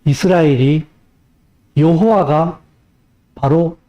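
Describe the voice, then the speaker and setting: In a lo-fi recording, a man preaches a sermon slowly, his voice slightly high, challenging listeners with rhetorical questions and shifting between loud urging and soft speech.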